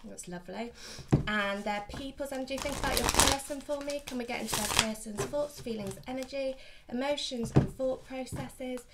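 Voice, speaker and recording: Sitting high in pitch at a normal speed, this woman's voice carries a chatty, casual tarot reading she hosts to camera. She is in her thirties, a little sniffly with hay fever, and records in a small furnished room at home, where the audio is very noisy.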